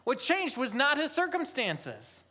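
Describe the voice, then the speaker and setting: A pastor preaches at a church service, repeating phrases and posing rhetorical questions. He shifts between a soft low register and raised, emphatic stretches, with huge pitch swings and a slightly slow delivery.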